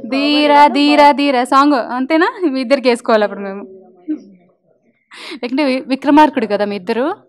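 Young woman, high voice, chatty, teasing anchor, talks with children. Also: moderate pace. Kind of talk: playful interview with children.

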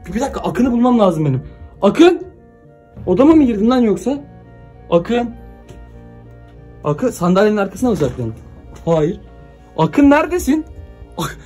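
A young man vlogging from his home, talking to his viewers in a frantic, confused, exclaiming way. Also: very high voice. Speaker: YouTuber. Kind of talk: excited vlog talk to viewers.

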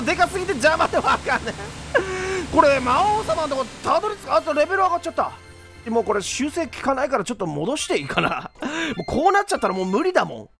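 A young man rants through a game in let's play commentary, rough-spoken and exasperated, breaking into laughs. His voice sits very high and swings widely, with a bright edge. Game music plays faintly underneath. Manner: rough-talking, exasperated ranting with frequent laughter.

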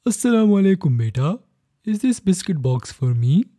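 A woman doing a cheerful old uncle with a deep, dark voice. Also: very animated, normal speed, dry recording, studio quality. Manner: warm blessing-giving, chuckling. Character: cheerful elderly man, kindly neighbor uncle.

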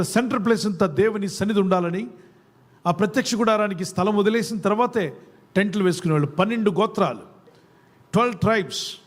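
A man preaching a sermon to a congregation, asking questions and urging them to answer aloud. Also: high-pitched. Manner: call-and-response, quizzing the congregation. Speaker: pastor. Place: church service before a congregation.

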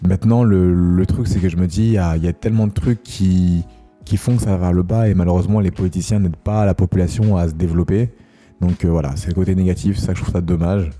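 Low, mellow-voiced man in his thirties. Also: fast, soft background music. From Congo, Kinshasa. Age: 30s. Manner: relaxed, hesitant, many fillers. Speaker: co-host of a couple's channel. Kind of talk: casual chat.

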